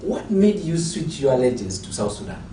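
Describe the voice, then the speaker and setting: A man's voice: mid-range voice, big pitch swings, recorded from a distance, background noise. Male talk show host, off-mic, echoey. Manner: halting, repeats words while asking. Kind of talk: studio interview. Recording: echoey room, off-mic, faint ambience.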